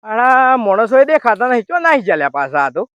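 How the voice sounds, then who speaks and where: Brief: high-voiced, tired, grumbling older man lost in a village comedy, lo-fi dry sound. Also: big pitch swings, a little fast, fairly bright tone, smooth, no echo. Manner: weary, complaining, rustic dialect. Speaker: lost invitation carrier. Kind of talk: rustic village comedy sketch.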